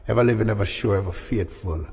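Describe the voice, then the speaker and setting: A man slowly chanting a solemn spiritual invocation. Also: fairly low pitch, creaky, dark tone. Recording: reverberant music track. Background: plucked guitar music.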